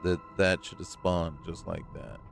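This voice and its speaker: Gravelly, exasperated gaming host. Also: male voice, low voice, steady tone, a little slow. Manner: exasperated, swearing rants at the game. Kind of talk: let's play commentary. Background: game music.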